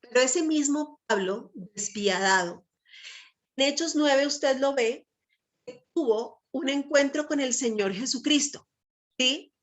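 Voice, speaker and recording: A woman's voice: high voice, slow pace. Middle-aged woman teaching with tag questions. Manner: peppers speech with tag questions to listeners; lively, emphatic delivery. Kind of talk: Bible teaching talk.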